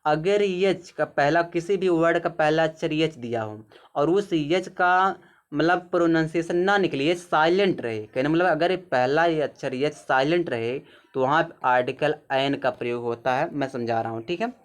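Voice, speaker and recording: A man's voice: fairly high pitch, moderate pace. Patient man teaching grammar, repeating points. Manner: patient, repetitive explaining with frequent "theek hai". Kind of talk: grammar lesson over a zoomed screen.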